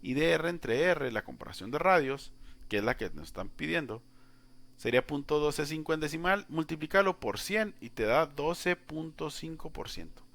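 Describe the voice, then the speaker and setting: A man's voice: a little high, animated, moderate pace, a bit bright. A man teaching a calculus lesson, chatting directly to the student and walking through each step. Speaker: math teacher. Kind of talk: informal whiteboard lesson.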